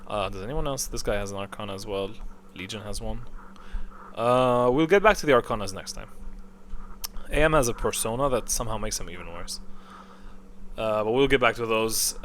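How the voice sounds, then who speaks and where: Thinking out loud as he builds a tier list of game voice lines, this male video creator rambles casually and often answers his own questions. He has a fairly low, fairly bright voice, and background noise is clearly audible.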